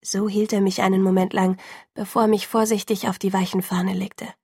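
Audiobook narrator, female; calm, measured first-person reading, slightly breathy, dry. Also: medium pitch, no room sound.

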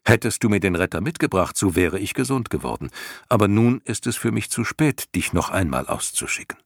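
A man's voice: fairly low pitch, expressive, brisk, gravelly, husky, no room sound, studio quality, full character voice. A man voicing a frail, dying young empress in an audiobook, speaking with sorrowful reproach. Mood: reproachful.

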